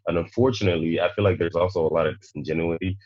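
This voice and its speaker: Nigerian-born guy hosting a panel, super deep voice, dry muffled sound. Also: very fast, darkish tone, dry recording. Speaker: podcast host. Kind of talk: panel discussion.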